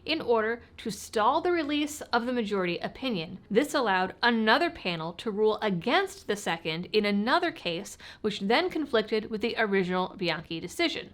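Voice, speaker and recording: A woman's voice: fairly high pitch, fairly bright tone. A woman hosting a news commentary channel, speaking informally and a little lispy, with stitches in her mouth after recent oral surgery. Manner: informal, wry asides. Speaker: host of a gun-rights news channel. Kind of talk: scripted news commentary to viewers.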